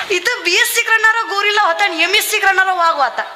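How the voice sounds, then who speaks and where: Fiery high-voiced woman preacher. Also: moderate pace, very noisy. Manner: fiery, rousing, addresses crowd directly, acts out funny voices in stories. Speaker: kirtan preacher. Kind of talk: devotional kirtan sermon with storytelling.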